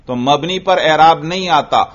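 A man teaching an Arabic grammar lesson, asking his students questions, answering them himself, and drawing out the example words slowly. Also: a little high, a bit bright. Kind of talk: classroom lesson. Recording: dull lo-fi recording.

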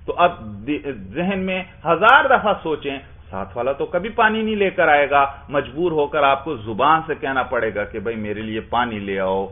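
A man's voice: a little high, very animated, hardly any pauses. A man teaching a class, explaining step by step and asking his students questions that he then answers himself. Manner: explains with repeated questions and answers, often adds "bhai". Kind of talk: classroom lecture. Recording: tinny phone-like sound.

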